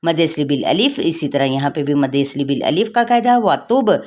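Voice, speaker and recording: A woman with an Urdu accent teaching Quran pronunciation rules, reciting words slowly and then explaining each rule. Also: sits low, a little mellow. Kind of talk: tajweed lesson with slow recitation.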